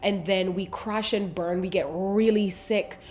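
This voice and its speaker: Speaking at a measured pace in a mid-range voice with fairly even intonation, a mellow woman from the Caribbean sounds sniffly and congested from a cold. As a podcast host, she offers casual spiritual talk that's affectionate, motivational, and conversational, from a London apartment near a busy road.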